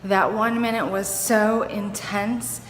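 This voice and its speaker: A woman's voice: mid-range voice, steady tone, takes it slowly. A woman giving a casual fitness vlog, talking straight to her viewers in an emphatic, step-by-step way. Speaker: fitness vlogger. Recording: noisy, constant vehicle-like background hum.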